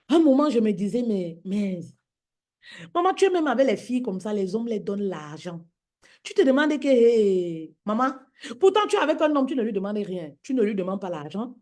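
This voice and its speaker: A woman's voice: medium pitch, mellow. A woman preaching emphatically to women, repeating her points and calling them her queens. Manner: emphatic, repetitive, addressing listeners as "my queen". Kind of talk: preaching to women on social media live.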